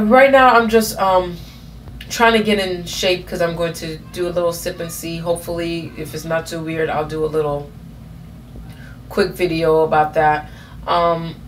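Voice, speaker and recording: A woman's voice: low-pitched, a little hiss or hum. A woman in her thirties telling a personal story in a casual vlog, rambling with many fillers and self-corrections. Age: 30s. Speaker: vlogger.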